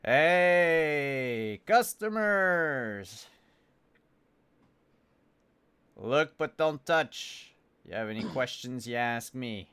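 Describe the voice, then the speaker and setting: A man playing a gruff, guarded merchant in a tabletop role-play game, brusque and folksy in his speech. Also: mid-range voice, fairly even intonation, normal speed, fairly bright tone. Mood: loud, brisk. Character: gruff, cagey junk-store merchant, male, grumbling and guarded.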